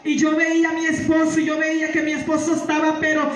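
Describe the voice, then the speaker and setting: A woman gives a church testimony, her voice ringing through a very reverberant hall. She stands well back from the microphone, so the sound is distant. She keeps repeating her phrases and calling out praise, building into fervent shouts. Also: high-pitched, completely flat delivery, quick pace. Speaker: testimony giver. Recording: echoey hall, far from mic.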